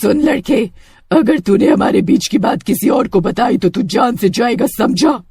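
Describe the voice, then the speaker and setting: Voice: mid-range voice, lively intonation, measured pace, gravelly, darkish tone, husky, no echo, exaggerated voice. A narrator voicing a vengeful cackling female witch ghost in a cartoon story, with menacing threats.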